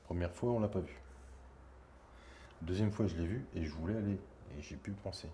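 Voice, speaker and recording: A middle-aged man hosting a paranormal investigation murmurs hushed vlog narration inside a dark abandoned house at night. His low voice is warm and moves at a normal pace, with faint noise in the background.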